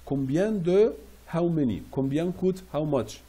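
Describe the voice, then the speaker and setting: Husky dark-voiced guy teaching french phrases, says each one over and over real slow. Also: fairly high pitch, animated. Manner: explains French phrases in English, repeating each slowly. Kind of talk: classroom phrase lesson.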